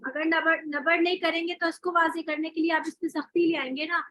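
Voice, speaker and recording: A woman's voice: very high-pitched, little pitch movement, a little fast, sharp tone, dry recording, poor audio. Woman teacher, recitation lesson, step-by-step explanations, dry close sound. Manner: explains step by step with rhetorical questions and spoken examples. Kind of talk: online class instruction.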